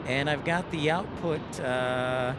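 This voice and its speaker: A man's voice: mid-range voice, slow. A man hosting a plane-spotting livestream with casual, chatty commentary. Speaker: livestream host. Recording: outdoor airport livestream with background noise.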